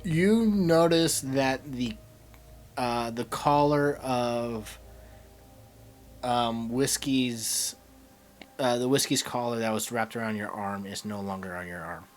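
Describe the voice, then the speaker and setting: A man's voice: medium pitch, takes it slowly, soft background music. A man running a tabletop game as game master, hesitant with many fillers.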